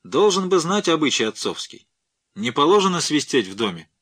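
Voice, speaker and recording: A man's voice: very animated, moderate pace, fairly bright tone, slightly rough, heavily acted. A man voicing a fearless gray-mustached old professor who speaks in a powerful, commanding voice. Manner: booming, commanding, scolding.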